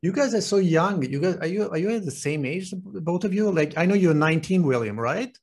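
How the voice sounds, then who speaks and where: A man's voice: sits high, expressive, brisk, darkish tone. A man in his forties hosting a casual video-call interview, asking rambling questions full of fillers. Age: 40s. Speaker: podcast host. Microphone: desk microphone on video call.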